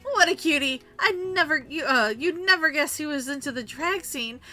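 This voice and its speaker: A woman's voice: high voice, animated, moderate pace, pushed and bright, soft background music. A woman voicing a flamboyant, sassy drag queen in a video game, flirty, campy and drawling. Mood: flirty, teasing.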